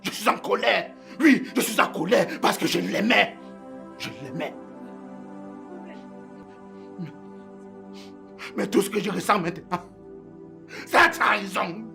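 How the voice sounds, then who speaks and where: A man's voice: sits high, unhurried, gravelly, long pauses, sharp tone, faint music behind, heavily acted. A man with a Cameroonian French accent playing a hurt, angry young man who feels betrayed, in a web-series drama. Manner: wounded and accusing, bitter.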